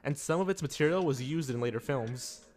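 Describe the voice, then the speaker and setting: A man giving scripted list-video narration in a steady, wry way. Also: mid-range voice, a little fast.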